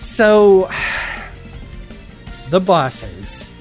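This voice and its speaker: A man's voice: sits high, big pitch swings, very slow, a little mellow. Chatty laughing man, faint music under. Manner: rambling, laughs often, many fillers and restarts. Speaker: podcast co-host. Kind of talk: casual chat about games.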